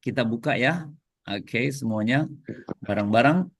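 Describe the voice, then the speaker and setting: A man's voice: medium pitch, unhurried, breathy edge, no echo, studio quality. A man with an Indonesian accent teaching an English lesson to a class, explaining and prompting students to repeat. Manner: lively, switches between explaining and prompting the class.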